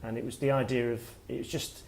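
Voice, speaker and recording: A middle-aged man, an author giving a workshop talk, speaking in a reflective, halting way as he thinks aloud. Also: medium pitch, level tone, gravelly, darkish tone, slight background noise. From Wales. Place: workshop room with listeners.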